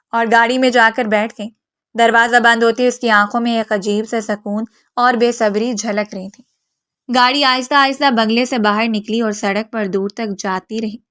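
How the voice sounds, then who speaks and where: Brief: woman storyteller, calm and even, fairly high pitch, scripted narration. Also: no echo, clean studio sound. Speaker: novel narrator. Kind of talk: scripted narration of a romance novel.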